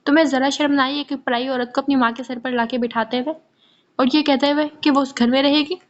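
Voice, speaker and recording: A woman's voice: sits high, fairly even intonation, close to an everyday voice. A woman voicing a wronged middle-aged mother and first wife who speaks bitterly, in a muffled lo-fi recording. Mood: reproachful.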